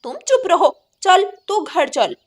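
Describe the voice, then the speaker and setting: A woman doing a shrill scolding crow. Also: sing-song, slow pace, full character voice. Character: harsh scolding female crow, sister-in-law.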